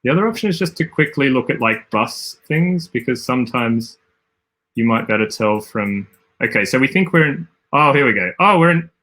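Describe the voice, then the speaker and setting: A man's voice: mid-range voice, expressive, a little fast, bright, forceful tone. An Australian man casually commentating a livestream while he plays, rambling and thinking aloud with frequent self-corrections. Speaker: game design streamer.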